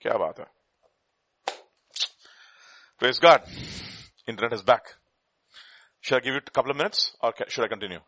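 A man's voice: medium pitch, rapid-fire, a bit bright, breathy edge, no echo. A man with an Indian accent preaching in an informal lecturing style, emphatic and putting rhetorical questions to his listeners.

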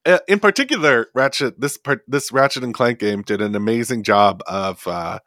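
A man's voice: mid-range voice, normal speed, a bit bright, dry recording, studio quality. A man hosting a casual gaming podcast, rambling with many fillers. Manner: rambling, lots of fillers and likes. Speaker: podcast host. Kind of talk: casual chat. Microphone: desk podcast mic.

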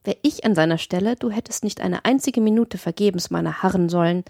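A woman's voice: fairly low pitch, brisk, gravelly, mellow, no echo, studio quality. A woman voicing a cheerful young male painter on foot, speaking in a friendly, teasing, earnest way in her own voice.

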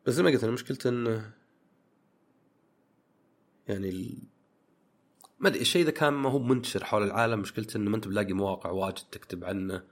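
Male podcast host, lowish voice, quick casual delivery full of fillers. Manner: rambling, thinks aloud with many fillers. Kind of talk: casual chat reading listener questions.

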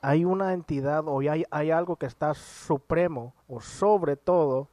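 Male co-host, highish voice, dry sound, animated and argumentative. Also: a little slow, dry recording. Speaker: podcast co-host. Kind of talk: casual chat.

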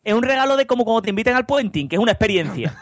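A man's voice: extremely high pitch, animated, racing. A man from Andalusia with an Andalusian accent, telling rambling anecdotes in casual podcast chat and tagging his sentences with questions. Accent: Andalusian Spanish. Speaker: podcast co-host.

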